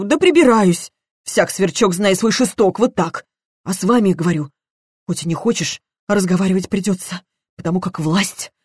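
A woman's voice: medium pitch, darkish tone, no echo, clean studio sound, close to an everyday voice. A woman voicing a frightened, tearful older housekeeper who talks in plain folk sayings and sighs a lot.

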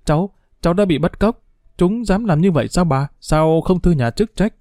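A man's voice: sits high, expressive, moderate pace, dark tone, no room sound, studio quality, voice pushed up. A man voicing an emotional young woman in a read-aloud story, pleading and upset. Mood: shocked. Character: tearful young woman, anxious daughter.

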